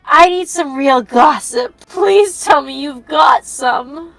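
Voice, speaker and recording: An irritated, gossip-hungry moss creature from a game , voiced by a woman. The voice is fairly high and complains dramatically. It sounds dry, with faint music underneath. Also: expressive, slow pace, vocal fry, fairly bright tone, no echo, exaggerated voice, rough recording. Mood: irritated, demanding. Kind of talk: game dialogue read-aloud.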